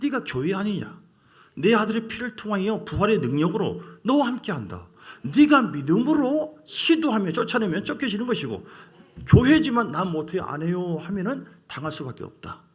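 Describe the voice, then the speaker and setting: A man's voice: sits high, very animated, normal speed, voice pushed up. Jesus: a preacher voicing a commanding divine man. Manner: firm, declaring, rising emphasis.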